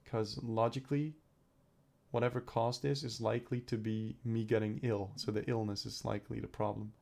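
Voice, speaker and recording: A young man, still recovering from a cold as his throat clears, thinks aloud in his video diary, rambling and swearing. As a vlogger, he speaks at a moderate pace in a fairly low, creaky, slightly mellow voice with little pitch movement.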